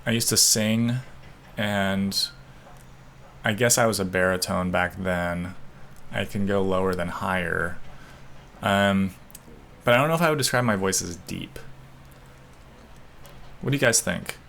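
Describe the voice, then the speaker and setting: Low-voiced and measured, this young man from the United States uses vocal fry, takes long pauses and has a fairly bright tone, with slight background noise. He's a podcaster doing casual solo talk during an online quiz, thinking aloud in a hesitant, rambling manner with many restarts.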